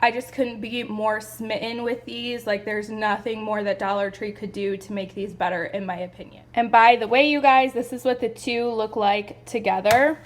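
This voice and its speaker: A young woman chatting excitedly through a home decor haul, gushing and a little out of breath. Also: on the high side. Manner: gushing, chatty, lots of "like" and "you guys". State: a bit out of breath. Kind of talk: casual haul video.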